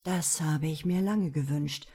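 A woman voicing a self-assured, flirtatious male prosecutor in a storybook reading, with a low, coaxing delivery. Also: unhurried, dark tone, slightly rough, full character voice.

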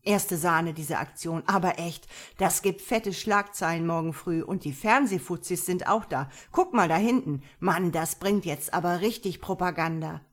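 A woman voicing an excited young male activist who talks loud and slangy. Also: lowish voice, moderate pace, hardly any pauses, close to an everyday voice. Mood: thrilled.

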